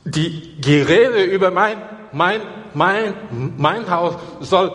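Emphatic preacher with a ringing hall echo. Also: male voice, high voice, slow, fairly bright tone. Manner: emphatic, repeats key phrases. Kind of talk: sermon. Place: church.

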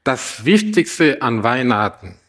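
A man preaching a Christmas sermon, reading a fable aloud and asking the listeners gentle questions. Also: medium pitch, big pitch swings, slow pace. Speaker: pastor.

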